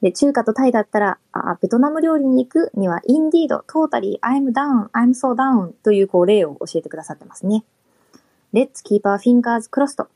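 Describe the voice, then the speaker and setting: A woman's voice: medium pitch, mellow. A woman co-hosting a podcast, politely reading out listener comments and chatting. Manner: polite, reads comments aloud. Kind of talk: casual podcast chat.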